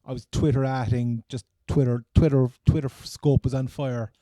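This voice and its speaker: Male sports co-host, Cork Irish accent, dark relaxed tone, dry close sound, halting and repetitive, casual chat. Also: medium pitch, no echo. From Cork, Ireland. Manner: rambling, stammering, repeats phrases. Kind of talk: casual American football chat.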